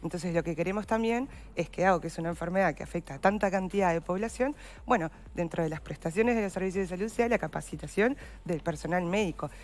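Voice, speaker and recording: A woman's voice: on the low side, fast, a little mellow. A woman with a Uruguayan Spanish accent, a patient advocate giving earnest explanatory answers in an interview. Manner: earnest, explanatory, uses voseo. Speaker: guest, endometriosis patient advocate.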